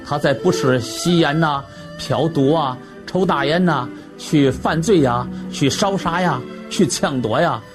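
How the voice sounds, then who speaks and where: A man speaking in an interview with a preacher-like cadence, slowing down for emphatic lists. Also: on the high side, music in the background.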